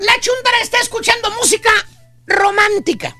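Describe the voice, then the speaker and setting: A man with a Mexican Spanish accent, hosting a radio comedy show and telling a comic story in an exaggerated, squeaky way. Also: brisk, bright, forceful tone, soft background music. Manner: squeaky, exaggerated storytelling with calls to his "brothers".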